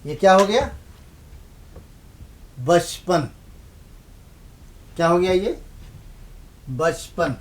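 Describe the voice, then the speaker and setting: A man's voice: high voice, few pauses. A man teaching the Urdu script in a lesson, patiently asking questions and answering them himself, repeating points for emphasis. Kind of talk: televised language lesson.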